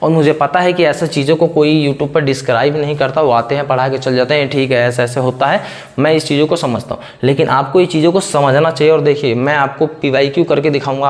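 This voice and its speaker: A man's voice: medium pitch, a little fast. A man teaching a chemistry lecture in Hindi. He asks questions and then answers them himself, repeating the same pattern. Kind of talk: classroom lecture.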